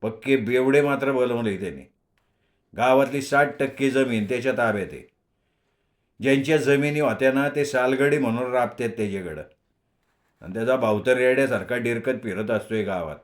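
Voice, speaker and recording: A man's voice: medium pitch, normal speed, natural voice. A man voicing a blunt, grumbling middle-aged village schoolmaster in a storybook reading. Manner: earnest, grumbling.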